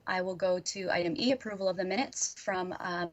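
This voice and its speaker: A woman chairing an online board meeting over a computer mic that keeps cutting out, so her volume jumps up and down; she talks haltingly, with fillers and self-corrections. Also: on the low side, lo-fi sound. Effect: mic cutting out, uneven volume. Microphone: computer mic on a video call.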